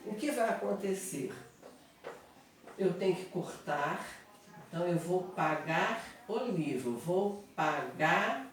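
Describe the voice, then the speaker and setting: Brazilian woman teacher, slow and echoey. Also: fairly low pitch, animated. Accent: Brazilian Portuguese. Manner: slow, explanatory, repeats examples and checks with "tá?". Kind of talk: online grammar lesson at a whiteboard. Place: small room at home with a whiteboard. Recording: echoey room, mic at a distance, faint noise.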